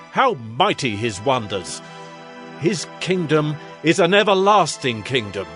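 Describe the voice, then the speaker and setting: Grandiose King Nebuchadnezzar, swooping slow delivery. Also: fairly high pitch, fairly bright tone, exaggerated voice. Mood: grand, exultant. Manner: declamatory, solemn, measured royal delivery. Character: proud, grandiose ancient Babylonian king, awed by wonders. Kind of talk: dramatized audio scripture acting.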